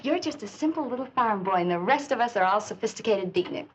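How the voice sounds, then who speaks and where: A woman's voice: mid-range voice, lively intonation, fast talker, slight background noise, natural voice. An actress playing a vain, haughty young beatnik woman and model, with sneering delivery in 1950s film style. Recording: dull 1950s film soundtrack, music behind.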